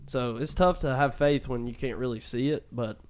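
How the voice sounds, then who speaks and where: A man's voice: mid-range voice, steady tone, normal speed. A young man co-hosting a casual podcast, teasing his friends and laughing easily. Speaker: podcast co-host.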